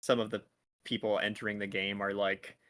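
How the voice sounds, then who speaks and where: A man's voice: lowish voice, level tone, a little fast, a bit bright. A man running a tabletop game as dungeon master, explaining rules in a loose, rambling way with lots of "like" and restarts. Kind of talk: casual tabletop game chat.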